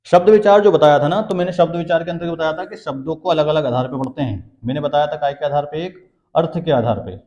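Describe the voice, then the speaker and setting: A man's voice: fairly high pitch, fast, warm tone. A man teaching Hindi grammar for exam prep, who asks questions and answers them himself and repeats the key terms. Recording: dull, echoey classroom sound.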